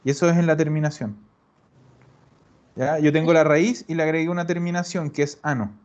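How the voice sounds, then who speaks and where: A man's voice: fairly high pitch, steady tone, a little fast, darkish tone, dull audio. A man teaching an online language class, explaining patiently and often checking that students follow. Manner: patient, repeats and checks understanding with "¿ya?". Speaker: Italian teacher.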